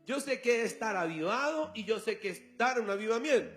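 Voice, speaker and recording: A man's voice: high-pitched, expressive, fairly quick, fairly bright tone, soft background music. A male pastor preaching a sermon, telling a story and acting out the dialogue. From Colombia.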